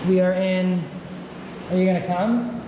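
A man's voice: high voice, fairly even intonation, measured pace. A young man giving casual, awed handheld vlog commentary, exclaiming as he goes, with his voice echoing in a cave. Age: young adult. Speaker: vlogger. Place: inside a rock cave with running water. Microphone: handheld camera. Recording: muffled cave echo, loud water noise.

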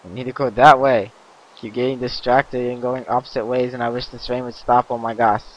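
A man giving casual let's-play commentary, chatty and easily excited, yelping and laughing at mishaps. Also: mid-range voice, a little fast, highs cut off. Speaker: gaming commentator.

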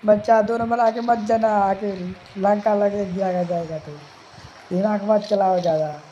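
A man's voice: sits high, fairly even intonation, unhurried, warm tone. A man giving casual commentary while playing a mobile game, urging his teammates along and humming snatches of songs. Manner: urges teammates, hums song snatches. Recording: dull lo-fi mic with faint noise.

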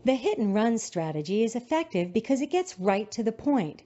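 A woman reads scripted narration for a teacher-training video in a calm, instructive manner. Her voice is mellow, on the high side and at normal speed, with lots of intonation movement. The recording sounds dull and lo-fi.

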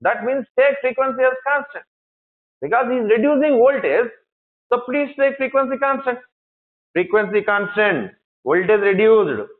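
A man's voice: extremely high pitch, lively intonation, moderate pace. A male engineering lecturer with an Indian English accent, teaching a class, repeating key phrases and asking questions he then answers himself. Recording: tinny phone-like lecture recording.

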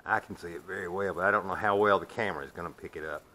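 A man's voice: low-pitched, very fast, bright, forceful tone. A man demonstrating his sawmill in a metal shed, explaining in a plainspoken, folksy way, sometimes walking away from the camera. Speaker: sawmill owner. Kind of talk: hands-on demonstration.

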